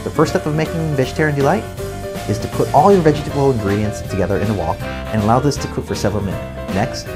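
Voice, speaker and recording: A man's voice: mid-range voice, fast talker, over music. A man narrating a food and wine show, explaining recipes step by step in an upbeat way. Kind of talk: cooking show voice-over narration.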